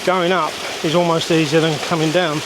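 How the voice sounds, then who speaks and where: A man's voice: on the high side, flat delivery. A man vlogging casually as he climbs a wet, rocky mountain trail, talking in between efforts. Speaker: hiking vlogger. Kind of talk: casual on-the-go narration. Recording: noisy outdoor recording with rushing stream.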